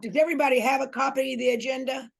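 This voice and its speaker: A woman chairs a committee meeting on a video call. Her voice is husky and a touch breathy, and she talks in a relaxed way, with easy laughs and plenty of fillers. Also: high voice, rapid-fire. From North Carolina. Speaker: committee co-chair, elected official.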